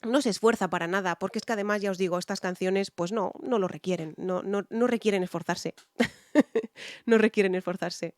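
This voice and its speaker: A woman from Spain with a Spanish accent chats through her reaction to songs, full of fillers and now and then breaking into a hummed bit of melody. Her voice sits at an ordinary middle pitch. The recording is close and dry, with no room sound. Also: moderate pace, dry recording. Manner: chatty, many fillers, hums snatches of melody. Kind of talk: casual reaction commentary.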